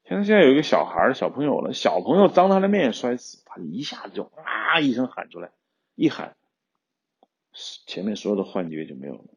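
A man tells an old tale on his podcast in a casual, rambling way, often restarting his sentences. His low, gravelly voice rises and falls a lot as he goes. The recording sounds dull and lo-fi. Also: very animated, brisk. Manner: retells a tale in loose spoken style with frequent restarts. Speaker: podcast host, screenwriter-director. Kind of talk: casual storytelling commentary.

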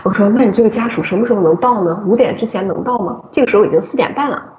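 A woman in casual podcast chat, recounting a story from her hospital work with lively asides and frequent laughter. Her voice sits at a middling pitch. The recording is roomy and a little dull. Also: very fast, slight background noise. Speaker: obstetrician and podcast co-host.

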